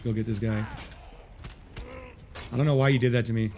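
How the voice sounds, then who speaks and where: A man's voice: medium pitch, fairly even intonation, fairly quick, a little mellow, slight background noise. Joking, profane man streaming a game. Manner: profane, joking, greets chat. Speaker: livestream gamer. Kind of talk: casual livestream chat. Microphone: desk mic with noise removal.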